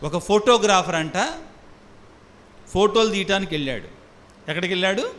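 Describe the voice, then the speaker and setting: A sermon comes at a moderate pace from a priest with a ringing, bright, high voice, who quizzes the congregation again and again in call-and-response fashion. He mixes English phrases into his speech, which fades into a lengthy hall reverb.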